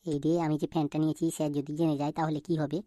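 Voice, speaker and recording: Guilty cartoon schoolboy, fearful and begging; woman voices him low-pitched, fast, dry sound. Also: little pitch movement, dark tone, no echo, close to an everyday voice. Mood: pleading. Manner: stammering, pleading, fearful. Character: timid, guilty schoolboy who stole. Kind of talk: cartoon voice acting.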